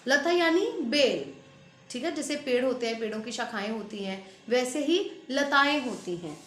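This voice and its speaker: A woman school Hindi teacher giving a lesson, reading out word lists slowly and stressing each word and its spelling. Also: fairly high pitch, lively intonation, a bit bright, echoey room. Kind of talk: online class lesson.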